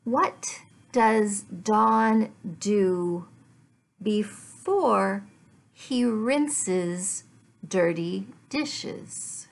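In a small living room at home, a middle-aged English teacher gives a language lesson for learners. She speaks extremely slowly and deliberately in short phrases with clear pauses, her mid-pitched voice often dropping into a gravelly creak.

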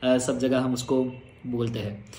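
A man's voice: medium pitch, fairly even intonation, unhurried, warm tone. A man giving students an earnest, reassuring motivational talk as their exam teacher. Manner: earnest, reassuring, mixes Hindi and English. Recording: roomy echo.

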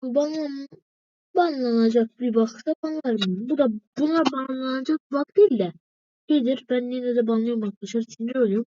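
A gaming video maker with a high, warm voice talks a little fast, casually commenting on gameplay and repeatedly calling her viewers friends. The recording is dull, lo-fi, and dry, with no room sound.

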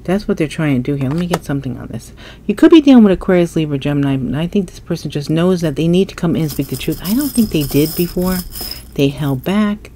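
Her lowish, dark-toned voice carries a faint hiss or hum as she reads tarot casually, turning cards at an indoor table with only her hands visible. She has a stuffy nose and muses to herself as she goes.

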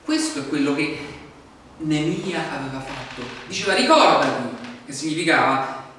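A man preaching a sermon in a lively, animated way, acting out people's complaints in mock voices. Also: a little high, moderate pace, heavy reverb, long reverb tail, distant mic, slight background noise. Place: church hall.

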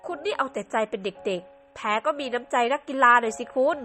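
A woman's voice: fairly high pitch, expressive, fairly quick, bright, forceful tone, soft background music. A woman voicing a stern older male judge who talks bluntly and teases, in a Sims storybook drama.

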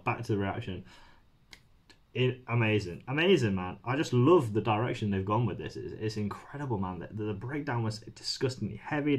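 A man hosting a music reaction video, talking casually and excitedly with plenty of swearing and rambling asides. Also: fairly low pitch. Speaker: music reaction channel host. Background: faint music playing.

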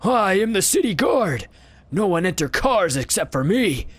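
A man voicing a ragged, sickly old beggar who claims to be the city guard, gruff and prodding, then mournful. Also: high voice, very animated, a little slow, voice pushed up, full character voice.

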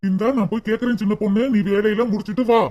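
A man's voice: high voice, fairly even intonation, rapid-fire, warm tone, dull audio, slight background noise, lightly acted. A man voicing a fond, cheerful young husband in a cartoon, chatty, with a southern Tamil accent. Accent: southern Tamil, Tirunelveli.

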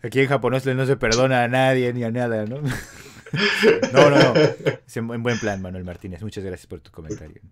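A man's voice: medium pitch, a little fast. A Mexican man in his thirties co-hosting a casual podcast chat, joking around and reading listener comments aloud. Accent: Mexican Spanish. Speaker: podcast co-host.

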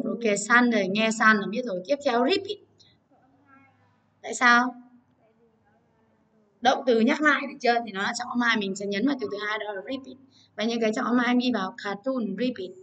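This woman's pitch is fairly high, her voice pushed and bright. Recorded from a distance during an online class, she drills English word stress with children, saying words again and again and telling the kids to write quickly.

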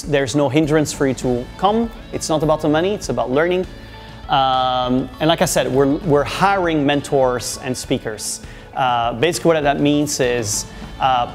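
Chatty man hosting a meetup. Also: fairly high pitch. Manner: many fillers, loose and conversational. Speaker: meetup organizer and host. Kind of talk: casual event introduction. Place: small meeting room with projector.

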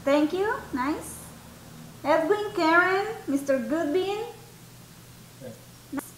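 A woman teaching an English grammar class to students, explaining rules slowly and patiently and switching between Spanish and English. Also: extremely high pitch. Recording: echoey room, faint background noise.

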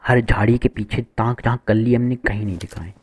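A man's voice: medium pitch, steady tone, fairly quick, darkish tone. A man giving playful, boastful live commentary to viewers while playing a shooter game, with gunfire behind him. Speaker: gaming streamer.

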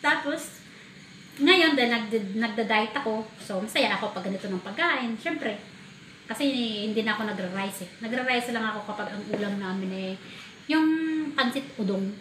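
A woman from the Philippines telling a food story in a casual vlog, animated and laughing as she talks. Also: medium pitch, a little fast. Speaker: vlogger. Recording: echoey room with faint ambient noise.

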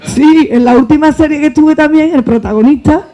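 A woman's voice: high voice, fairly quick, dull audio. A woman with an Andalusian accent, an actress and comedian on a panel, telling anecdotes with laughter and acting out dialogue. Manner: laughing, expressive, acts out dialogue. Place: book fair hall.

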